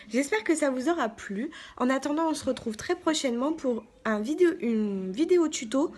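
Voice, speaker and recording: Woman giving a calm makeup tutorial. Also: on the high side. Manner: calm step-by-step instruction with frequent "donc" and "voilà". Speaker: beauty vlogger.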